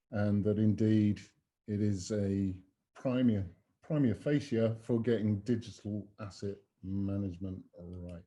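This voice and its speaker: A man presents a business webinar, his voice low and deeply mellow. He talks emphatically and paints ideas with vivid metaphors. He is heard over a video call microphone. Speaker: webinar host and consultant.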